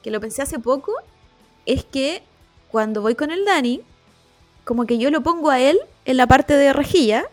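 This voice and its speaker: A woman's voice: high voice, lively intonation, normal speed, soft background music. A young woman with a Chilean accent, chatting casually as a podcast co-host, telling rambling stories with lots of laughing. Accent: Chilean Spanish. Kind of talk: casual chat.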